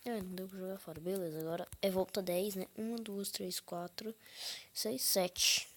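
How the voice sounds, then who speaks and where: A woman's voice: medium pitch, fairly even intonation, normal speed, fairly bright tone. A woman casually commenting on her own gameplay, counting under her breath, whispering asides and breaking into sudden frustrated outbursts. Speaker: gaming channel host.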